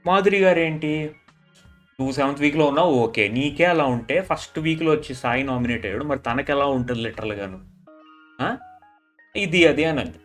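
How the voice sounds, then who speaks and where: A man's voice: mid-range voice, fairly bright tone. A man recapping a reality show episode in casual chat, mixing English into Telugu with a Telugu accent and acting out the contestants' quarrels in quoted lines. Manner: mixes English into Telugu, repeats "literally" often, retells quarrels in quoted lines.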